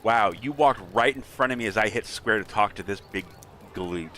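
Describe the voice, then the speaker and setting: A man's voice: lowish voice, a little fast, sharp tone, a little hiss or hum. A man streaming a video game, chatting casually in a rambling, playful way. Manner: rambling, playful, chuckles often. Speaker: let's player streaming to chat. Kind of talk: casual chat over gameplay.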